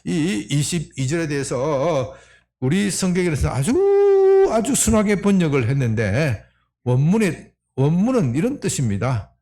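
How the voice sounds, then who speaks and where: Male pastor, sunday sermon, lively swinging pitch, fairly high voice, rhetorical questions. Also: unhurried. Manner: animated, rhetorical questions to the congregation. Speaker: senior pastor.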